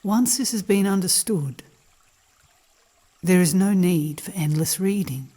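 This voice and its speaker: In a low, slightly rough voice, a woman leads a guided meditation drawn from spiritual teachings, her delivery calm, measured and contemplative.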